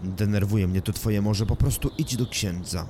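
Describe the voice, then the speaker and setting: A man's voice: lowish voice, moderate pace, noisy background, lightly acted. A man voicing a worried young wife in an audiobook, insistent and reproachful toward her husband.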